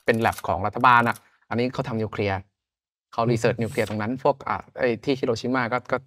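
A man's voice: fairly low pitch, fairly even intonation, a little fast, a bit bright, no echo. A man from Thailand in his thirties, a podcast guest chatting casually in loose, slangy talk. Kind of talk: casual chat.

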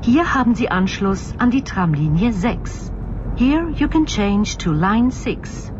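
A woman calling out the stops in a slow, measured, formal manner, heard over a bus loudspeaker. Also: expressive. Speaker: transit stop announcer. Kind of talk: recorded stop announcements. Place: inside a moving city bus. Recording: muffled bus speaker with vehicle noise. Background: bus engine and road rumble.

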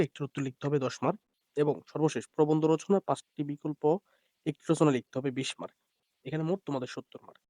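A man's voice: on the high side, dry recording. A man teaching an exam preparation lesson, reading out questions and word lists with filler sounds. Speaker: online madrasah teacher.

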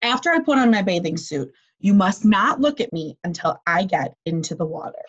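A woman's voice: medium pitch, sing-song, normal speed, breathy edge, lo-fi sound. Woman voicing a fussy, self-conscious toad. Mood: self-conscious, insistent.

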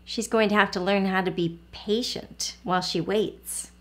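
A woman reading a picture book aloud to young children, pausing gently to ask them questions. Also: medium pitch, fairly even intonation. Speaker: children's story reader. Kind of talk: read-aloud storytelling for kids.

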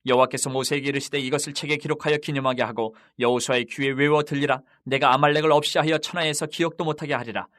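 Fast steady scripture-reading man. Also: medium pitch.

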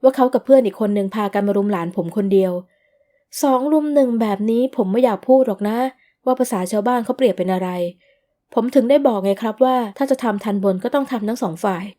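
A woman voicing a cool young businessman who answers in a flat, even, calm tone in an audio novel. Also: a little high, fast talker, natural voice. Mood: calm firm.

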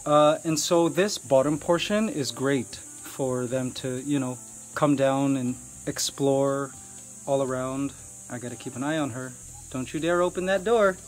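A man's voice: medium pitch, steady tone, a little slow. A middle-aged man from Canada in a casual vlog, chatting to viewers as he shows an outdoor animal enclosure. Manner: chatty, explaining to viewers while handling pets. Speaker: vlogger.

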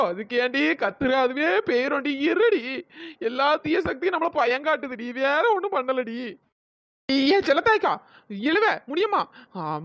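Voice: high voice, fairly bright tone, no room sound, dull audio. A performer voicing a bossy young village woman in a cartoon story, scolding and urging the others on.

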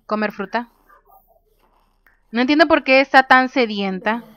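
A woman chats through a life-sim game, reading menu options aloud and laughing along the way. Her voice is high and smooth. It sounds dry and a little dull, as if from a home desktop mic. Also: unhurried, a bit bright, dry recording. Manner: chatty, reads game menus aloud, laughs often. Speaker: gaming youtuber. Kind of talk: casual let's play commentary.

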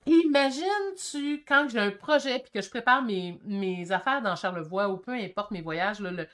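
A woman in her fifties with a Québécois French accent, chatting excitedly while reading viewer comments on her painting stream. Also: medium pitch. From Quebec. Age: 50s. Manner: excitable and chatty, quick shifts in energy. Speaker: painting channel host. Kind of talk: casual livestream chat reading comments.

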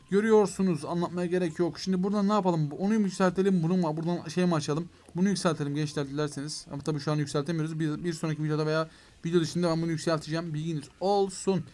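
Fast, high-pitched excitable young man. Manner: excitable, addresses viewers as "gençler"; talks to the game, mock outbursts of frustration. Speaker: gaming YouTuber. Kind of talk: mobile game let's play commentary.

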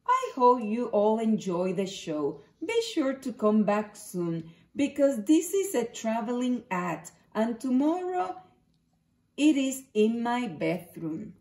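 A woman plays a girl circus ringmaster from a storybook, showy and welcoming. The announcements are high and animated, delivered at an unhurried pace in a roomy home. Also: exaggerated voice. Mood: showy, excited. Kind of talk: ringmaster announcements read from a picture book.

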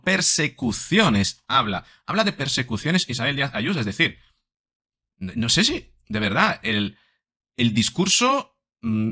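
A man's voice: mid-range voice, pushed and bright. A man in his thirties, a psychologist commentating on a video, talking emphatically with many fillers and rhetorical questions into a desk microphone in a small home studio. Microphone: desk microphone in front.

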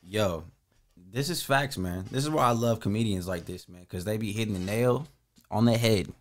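A man's voice: fairly low pitch, moderate pace. A man in his twenties hosting a reaction video, talking in laid-back slang. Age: 20s. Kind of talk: casual reaction commentary.

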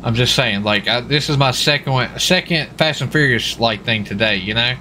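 A gamer in character as a US marshal keeps up folksy, joking, rambling banter in a game voice chat marked by clear vehicle noise. He speaks at normal speed with a medium pitch and a sharp tone.

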